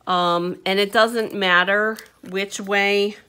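A woman's voice: mid-range voice, steady tone, takes it slowly, pushed and bright, smooth. A woman teaching a papercraft project at her desk, chatting casually through each step with fillers and little hums. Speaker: papercraft instructor. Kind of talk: hands-on craft tutorial. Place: indoor craft table.

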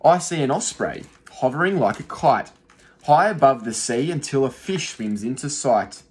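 A young adult male teacher sits in a small room reading a rhyming picture book to young children, his delivery rhythmic and expressive. He speaks at normal speed in a mid-range voice, recorded by a phone close in front of him.

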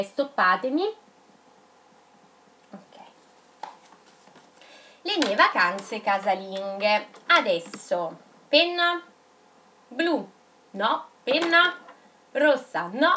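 A woman teaching young children in a video lesson, dictating words slowly and spelling them out syllable by syllable. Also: on the high side, pushed and bright. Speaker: primary school teacher.

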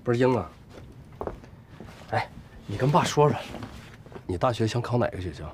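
A man's voice: mid-range voice, lively intonation, normal speed, noisy background, natural voice. An actor playing a persistent father in his forties who coaxes his way in to see his daughter. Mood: coaxing. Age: 40s. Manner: coaxing, pleading. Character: easygoing middle-aged dad, persistent. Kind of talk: TV drama acting.

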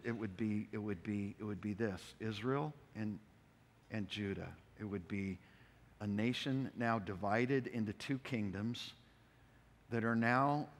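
A male pastor giving a conversational, animated expository sermon, often repeating himself. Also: lowish voice. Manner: conversational, animated preaching with repetitions. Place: church sanctuary. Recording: long hall reverb.

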